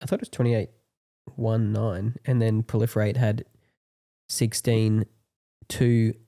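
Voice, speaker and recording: A man co-hosting a podcast in casual banter, wry and quick to argue. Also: on the low side, flat delivery, mellow. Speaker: podcast co-host.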